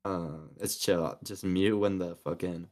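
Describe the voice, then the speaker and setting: Low-voiced laid-back musician guy. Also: steady tone, unhurried, darkish tone. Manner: laid-back, offhand, swears casually. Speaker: musician guest. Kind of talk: casual chat on a live stream. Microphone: computer mic on a stream call.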